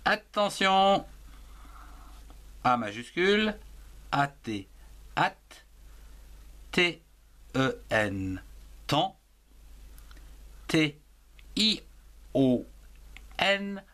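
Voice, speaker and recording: A male primary school French teacher with a fairly high voice gives a slow dictation lesson, spelling words aloud letter by letter. He speaks slowly and deliberately, breaking words into syllables, yet his intonation stays animated.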